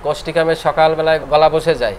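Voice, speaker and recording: A middle-aged man from Bangladesh giving a classroom lecture, explaining points over and over and reciting verses slowly in a sing-song way. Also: fairly high pitch, steady tone, a little hiss or hum. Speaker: homeopathy lecturer.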